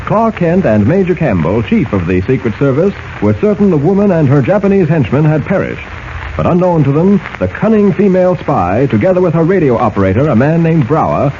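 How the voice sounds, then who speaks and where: A man's voice: a little high, dark tone. A man narrating a radio serial with dramatic storytelling delivery, heard through an old 1940s radio broadcast. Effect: old 1940s radio broadcast sound. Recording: muffled 1940s radio transcription with hiss.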